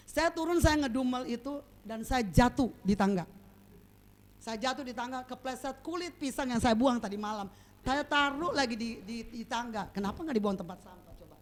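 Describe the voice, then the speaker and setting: A woman preaching a sermon in a lively, storytelling way, acting out moments with sound effects and often asking the congregation to agree. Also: fairly high pitch.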